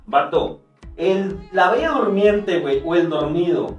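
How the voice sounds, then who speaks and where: A man's voice: sits high, expressive, unhurried, highs cut off. A young Mexican man co-hosting a casual podcast, rambling through slang-filled stories with many restarts. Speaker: podcast co-host. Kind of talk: casual banter. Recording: roomy room, far from mic, music behind.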